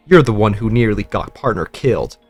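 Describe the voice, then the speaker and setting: A man's voice: on the low side, animated, brisk, soft background music. A man reading as a blunt, suspicious woman soldier. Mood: accusing. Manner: blunt, accusing.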